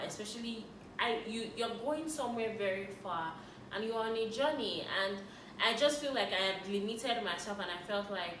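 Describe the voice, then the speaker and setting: A woman in her thirties speaks in a personal vlog. Her tone is earnest and reflective, and she often stops and restarts her sentences. She sits some way back from the camera mic in a roomy, echoey space with steady background noise. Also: mid-range voice, distant mic. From Nigeria. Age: 30s. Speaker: faith and lifestyle YouTuber.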